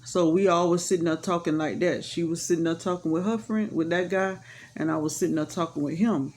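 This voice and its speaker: A woman's voice: on the low side, fairly even intonation, fairly quick, darkish tone, a little hiss or hum. A woman telling a personal story in a casual, rambling way, frank and matter-of-fact, with many fillers. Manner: rambling, full of "you know" fillers; frank and matter-of-fact about hard events.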